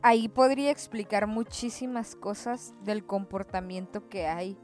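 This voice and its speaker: A woman's voice: mid-range voice, measured pace, a little mellow, faint music behind. A young woman with a Mexican accent in casual, slangy conversation, swearing freely. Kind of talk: casual chat.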